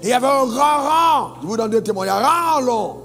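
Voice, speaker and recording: A man's voice: very high voice, expressive, fairly quick, creaky, fairly bright tone. A man from Côte d'Ivoire preaching a sermon as a pastor, emphatic, telling stories and calling on the congregation for amens. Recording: long reverb with faint music.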